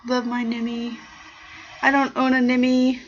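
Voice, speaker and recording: A woman's voice: on the high side, completely flat delivery, a little slow, slight background noise. A young adult woman hosting a casual livestream chat show, rambling playfully and greeting viewers in the chat. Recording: dull lo-fi stream audio with faint background music.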